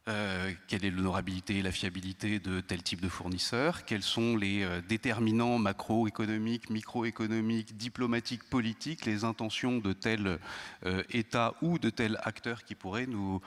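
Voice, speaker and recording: Low-ish guy on a panel, lots of ums, slow careful talk, echoey conference hall. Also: fairly even intonation. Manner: measured, many hesitations and restarts. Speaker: intelligence service panelist. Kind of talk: round-table talk. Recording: long hall reverb.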